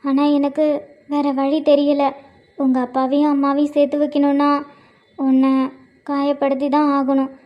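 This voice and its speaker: High flat voice, woman doing a young caring friend in a homemade cartoon, dull lo-fi sound. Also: moderate pace, pauses often, lightly acted. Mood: hushed. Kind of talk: hobby cartoon voice acting.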